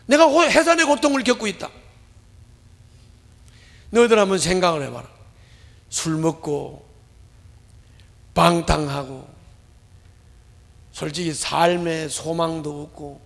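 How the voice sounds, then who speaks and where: A male pastor preaching an impassioned sermon, swinging between loud outbursts and hushed lines in a church sanctuary. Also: a little high, lively intonation, takes it slowly, creaky, long pauses. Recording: long hall reverb.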